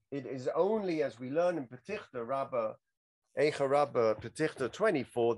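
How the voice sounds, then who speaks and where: A man giving a reflective lecture on religious texts, weaving in quotes from literature and film. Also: medium pitch. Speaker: teacher.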